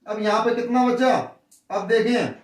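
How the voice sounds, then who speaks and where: A man with a western Uttar Pradesh Hindi accent and a high voice talks viewers through a maths solution step by step, in a friendly, informal way. He sits back from the mic, and the room gives a noticeable echo. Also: steady tone, unhurried, recorded from a distance. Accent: Hindi as spoken in western Uttar Pradesh. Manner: talks through steps, addresses viewers as brother. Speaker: maths teacher. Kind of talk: worked-solution lesson.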